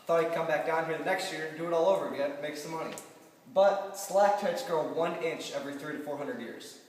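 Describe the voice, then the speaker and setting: A man's voice: a little high, brisk, darkish tone. A man explaining things casually and jokingly as a tour guide, with cave echo around his voice. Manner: casual, joking, quizzing the group. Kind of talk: informal explanatory tour talk. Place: inside an underground limestone cave. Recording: cave echo, long reverb, distant, noisy.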